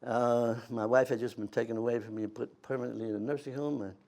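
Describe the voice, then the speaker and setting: An elderly American man, in his eighties or older, reminiscing as an old war veteran in animated anecdotes, with halting restarts and acted-out dialogue. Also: medium pitch. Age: 80s or older.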